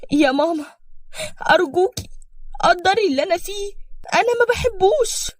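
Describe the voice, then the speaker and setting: A woman's voice: lively intonation, a little fast, dry recording, studio quality. A woman voicing a young woman who pleads with her mother against a forced marriage, in Egyptian Arabic. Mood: pleading. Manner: high, pleading, near tears.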